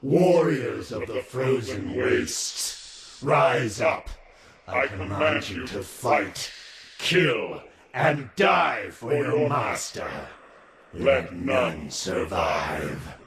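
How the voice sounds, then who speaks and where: An actor playing an undead tyrant king in a fantasy video game, with a dark, sneering, gloating and commanding manner. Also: medium pitch, very animated, extremely slow, roomy sound, full character voice. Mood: imperious menace. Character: undead Lich King, cold gloating male tyrant commanding his army.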